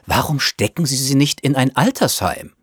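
A man's voice: medium pitch, lively intonation, moderate pace, slightly rough, no room sound, clean studio sound. A man voicing a snobbish, self-absorbed upper-class mother who chatters in a gushing, fussy way. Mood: disdainful.

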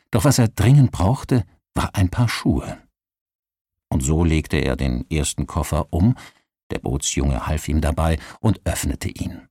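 A man reading a novel aloud as narrator, with an expressive storytelling delivery into a close mic. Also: deep voice, dry recording. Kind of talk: scripted audiobook narration.

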